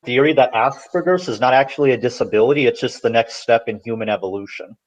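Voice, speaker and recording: A man's voice: medium pitch, fast. A man in a casual podcast chat, talking bluntly and rambling through his opinions. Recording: dull lo-fi sound.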